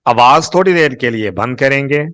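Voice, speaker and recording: A man with a Pakistani Urdu accent gives a recorded lecture on Quran recitation, speaking at a middling pitch. He goes slowly, repeats each key word and stretches example words out syllable by syllable. The sound is close and dry with no room echo. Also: lively intonation, pushed and bright, clear, resonant tone.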